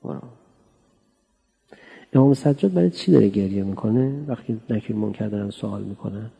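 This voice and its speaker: Gravelly, dark-voiced man preaching. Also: on the low side. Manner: conversational, playful, asks the audience questions. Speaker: cleric giving a religious talk. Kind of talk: sermon. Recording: hall reverb.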